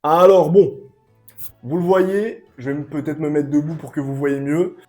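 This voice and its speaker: A man's voice: a little high, moderate pace, soft background music. Hyped young man reviewing clothes. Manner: excitable, slangy, hyped-up. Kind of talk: casual product review vlog. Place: at home, sitting and standing up to show clothes.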